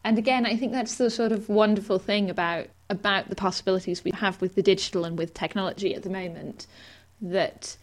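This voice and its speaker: A woman podcast host and editor who explains things in an easy, gently self-mocking way. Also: mid-range voice, fairly even intonation, a little fast, hardly any pauses. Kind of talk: casual podcast chat.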